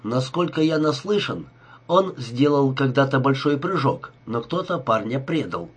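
Nervous club owner, flustered, husky, man reading in an audiobook. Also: mid-range voice, lively intonation, a little slow. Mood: uneasy. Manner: anxious, flustered. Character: nervous, greedy male nightclub owner.

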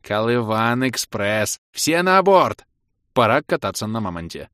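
A man voicing a brash, hot-tempered young father who talks loudly and excitedly. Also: mid-range voice, a little fast, dry recording, clean studio sound, pitched above the performer's own voice. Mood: blustering. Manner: loud, blustering, excited.

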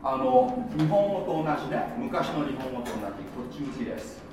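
A man's voice: mid-range voice, big pitch swings, moderate pace, heavy background noise. A man teaching a church gathering in a chatty, casual sermon style with many fillers and asides. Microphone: no microphone, speaking in natural voice. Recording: very echoey room, voice from far off.

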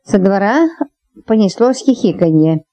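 Woman reading a story out loud, warm mellow tone, lively delivery, bounces pitch around for characters. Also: unhurried. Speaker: audiobook narrator. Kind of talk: audiobook narration.

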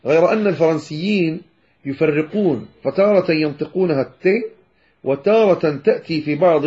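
A man from Morocco, teaching Quran pronunciation and slowly demonstrating letter sounds. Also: a little high, a little mellow. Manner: addresses listeners as brothers, demonstrates sounds slowly. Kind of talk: tajweed lesson explaining pronunciation. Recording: dull lo-fi lecture recording.

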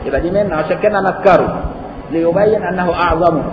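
A man's voice: high voice, muffled recording. A man with an Egyptian accent teaching a classical religious text, explaining with rhetorical questions and repetition. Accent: Egyptian Arabic. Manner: chants Quran verses slowly. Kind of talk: classical text lesson in Egyptian colloquial Arabic. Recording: echoey hall with faint noise.

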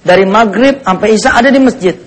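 A man's voice: high voice, fast. A man preaching a dawn sermon, joking and teasing his listeners. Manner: joking, playful asides to the audience. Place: mosque.

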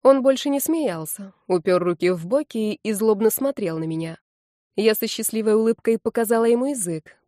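A woman reading a first-person story aloud, giving the dialogue lively raised voices. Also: medium pitch, normal speed, no echo, clean studio sound. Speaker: audiobook narrator. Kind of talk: first-person audiobook narration.

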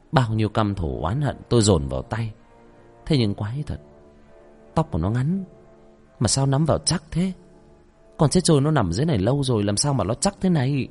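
A male storyteller tells a ghost tale in a lively, swinging voice. He shouts out names when the tension peaks. Soft music plays faintly behind him. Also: mid-range voice, husky. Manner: shouts out names during tense scenes. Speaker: storyteller and host. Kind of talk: dramatic horror story narration.

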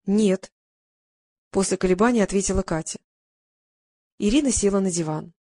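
A woman reads a novel aloud in an even, measured style. Her voice sits at a middle pitch. The recording is close and dry. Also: no echo. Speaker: audiobook narrator. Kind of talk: scripted narration.

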